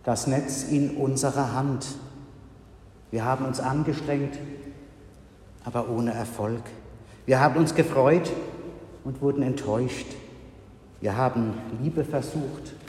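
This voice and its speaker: Slow, measured male preacher. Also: mid-range voice, a little mellow, slight background noise. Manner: slow, measured, with solemn pauses. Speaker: pastor. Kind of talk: sermon. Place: church. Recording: reverberant church hall.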